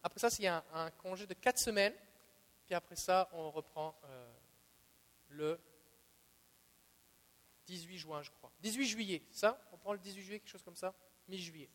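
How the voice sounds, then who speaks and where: A man with a Quebec French accent teaching a Bible sermon as a preacher, emphatic and repeating his key phrases, swinging between soft asides and loud declarations. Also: sits high, moderate pace, pauses often, in a large hall.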